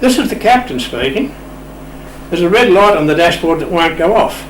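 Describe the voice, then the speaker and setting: As an interview guest, an older Australian man with a high voice and lively intonation relates a casual anecdote at a moderate pace. He comes across as wry, playful and understated. The setting is a radio shack room, recorded from a distance with roomy sound and noticeable background noise.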